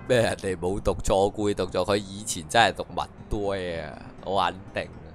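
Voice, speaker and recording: With faint game music in the background, a young male streamer with a Hong Kong accent plays a game, explaining and ridiculing the dialogue in Cantonese through dry, mocking commentary and translation. He talks at a measured pace in a low voice with fairly even intonation.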